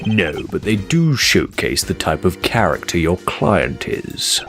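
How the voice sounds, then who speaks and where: A man voicing a formal, self-assured courtroom prosecutor from a video game in a measured, pompous way. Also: sits low, very animated, fairly bright tone, soft background music, heavily acted. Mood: stern, formal.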